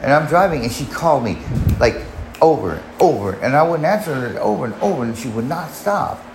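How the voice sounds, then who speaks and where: The podcast host, a man in his forties, speaks fairly quickly with a medium pitch and lively intonation. He rambles through a long personal tale, cursing and restarting many times, and the room sounds echoey with faint noise behind him.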